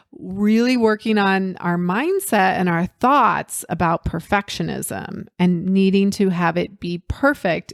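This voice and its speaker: A woman's voice: mid-range voice, no echo, studio quality. A woman hosting a solo business coaching podcast, talking to her listeners directly in an encouraging, conversational way.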